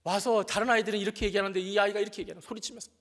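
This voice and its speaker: A high-pitched man preaching a sermon, his voice ringing out with a long church-hall reverb. He tells stories with animation, acts out the voices he quotes, and pokes fun at himself along the way. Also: steady tone, racing, fairly bright tone. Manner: self-deprecating humor. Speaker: pastor. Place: church sanctuary.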